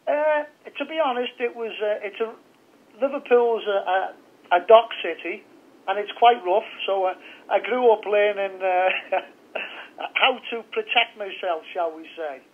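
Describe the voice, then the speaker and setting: A man's voice: high-pitched, a little slow. Man on a tinny phone line. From north of England. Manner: candid, chatty storytelling. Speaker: guest. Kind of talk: casual interview by phone.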